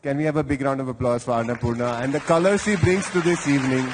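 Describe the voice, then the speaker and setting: A fast-talking Indian event host with a mid-range voice chats playfully and teasingly with audience guests in lively crowd interviews. Recorded in a large event hall with live-venue reverb, the clip carries a faint crowd and a little hiss or hum.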